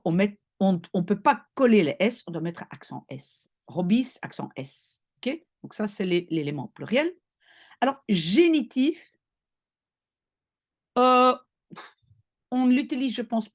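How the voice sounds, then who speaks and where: A woman language teacher patiently explaining spelling rules, often pausing to check that her students follow. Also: medium pitch, darkish tone.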